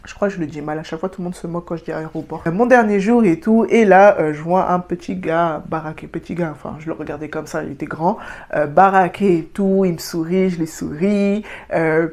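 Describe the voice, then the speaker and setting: A woman's voice: lowish voice, fairly quick. A young woman from France with a French accent, telling travel stories in a chatty, casual storytime vlog and dropping in English words. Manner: chatty, animated, slangy with English words mixed in. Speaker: travel vlogger.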